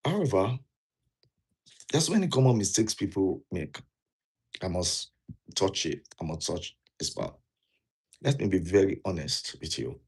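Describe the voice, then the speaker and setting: Indoors in a jacket, a Nigerian vlogger casually offers immigration advice in Nigerian English, earnest and repetitive, often questioning the viewer. His deep, husky, slightly mellow voice is animated yet unhurried, with long pauses.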